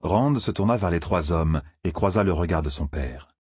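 Husky low storybook narrator. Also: male voice, animated, moderate pace, a little mellow, no room sound, clean studio sound. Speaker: audiobook narrator. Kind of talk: scripted fantasy novel narration.

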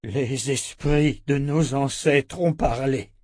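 A man voicing a grave elderly village father who speaks slowly and solemnly. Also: medium pitch, darkish tone, dry recording, clean studio sound, pitched above the performer's own voice. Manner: slow, solemn delivery.

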